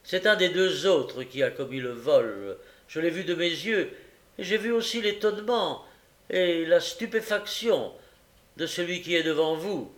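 A man's voice: a little high, measured pace, fairly bright tone, reverberant, voice pushed up. A man reading aloud and voicing an honest, determined male bookseller who speaks earnestly as a witness. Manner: earnest and insistent.

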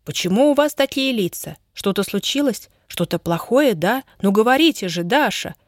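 A woman reading the part of a worried middle-aged mother who questions everyone quickly, in a dry recording. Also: mid-range voice, animated, no room sound, pitched above the performer's own voice, close to an everyday voice. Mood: anxious.

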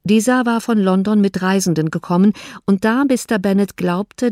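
A woman narrating a classic novel in a calm, even storytelling manner. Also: mid-range voice, no echo, clean studio sound. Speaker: audiobook narrator. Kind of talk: scripted literary narration.

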